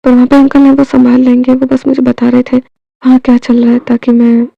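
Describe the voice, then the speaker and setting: An earnest, dutiful young son and prince, as a woman narrator puts him on, explaining himself in a high, slightly gravelly voice. The sound is dry and close. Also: monotone, a little fast, no echo, phone-quality sound, soft background music.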